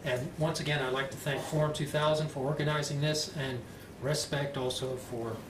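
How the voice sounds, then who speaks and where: Male moderator, standard American accent, measured panel introduction, distant echoey recording. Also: a little high, steady tone. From United States. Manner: slow, clearly enunciated, deliberate delivery. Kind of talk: introducing a public panel discussion. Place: conference panel room, indoors. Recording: echoey, noisy room, distant mic.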